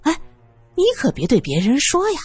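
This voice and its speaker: A woman voicing a blunt, teasing young man who talks fast and offhand. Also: high-pitched, huge pitch swings, a little mellow, no room sound, soft background music, pitched above the performer's own voice. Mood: wheedling.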